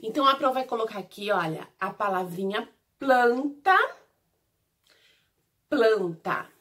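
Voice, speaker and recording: Lady teaching little kids, bright lively voice, drags out syllables real slow. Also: medium pitch. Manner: slow, sing-song, stretching syllables and repeating words. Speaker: preschool teacher. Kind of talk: recorded lesson for young children.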